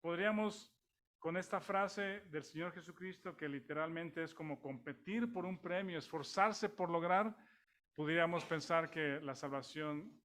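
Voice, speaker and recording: Man, Mexican accent, sermon, conversational, restarts often, asks the congregation questions, slightly high voice. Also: a bit bright. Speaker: preacher.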